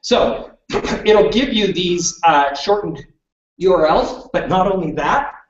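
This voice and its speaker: A man from western Canada gives a live workshop presentation, chatty and conversational, often pausing to check in with "okay?". His voice sits a little high for a man. It comes from away from the microphone in a roomy hall, with a dull, muffled sound. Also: lively intonation. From British Columbia, Canada. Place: presentation room with audience. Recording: roomy, distant, dull room recording.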